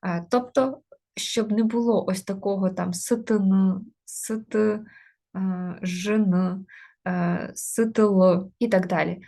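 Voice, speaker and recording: Breathy woman teaching a grammar lesson. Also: medium pitch, a little mellow. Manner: explains step by step with many fillers. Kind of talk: exam-prep grammar lesson.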